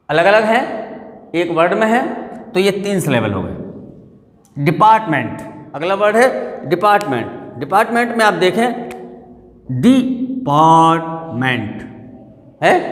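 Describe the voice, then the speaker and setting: A man teaching a spoken English lesson, who stretches out example words, repeats them and quizzes his listeners. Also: sits high. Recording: echoey room with long reverb.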